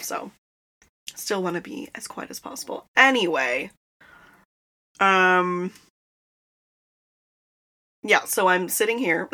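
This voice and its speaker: Young woman podcast host, bright tone, loose chatty delivery with frequent laughs, recorded inside a closet. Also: on the low side. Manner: chatty and rambling, laughs often. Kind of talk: casual chat. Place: inside a small closet in a childhood bedroom.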